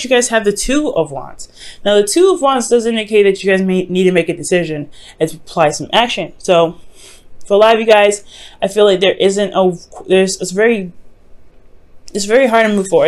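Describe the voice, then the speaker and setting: A woman giving a mystical tarot horoscope reading in a casual, conversational way, advising listeners directly and often circling back to rephrase herself. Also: mid-range voice. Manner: hesitant, often repeats and rephrases phrases. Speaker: tarot reader.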